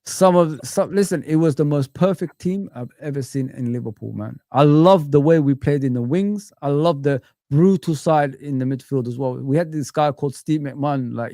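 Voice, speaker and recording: On a fan livestream, a man from Africa acts as a casual football pundit, reminiscing animatedly and frequently tacking on "you know what I mean". His voice is mid-range, recorded at studio quality with no room sound.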